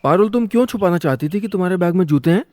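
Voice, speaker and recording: A man's voice: sits high, lively intonation, very fast, darkish tone, no echo, faint music behind. A man voicing a young boyfriend who pleads with growing exasperation. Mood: irritated.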